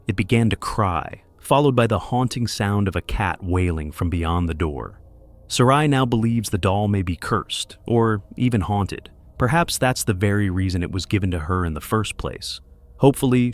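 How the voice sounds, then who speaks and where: A man giving scripted narration in an even, measured storytelling delivery. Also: lowish voice.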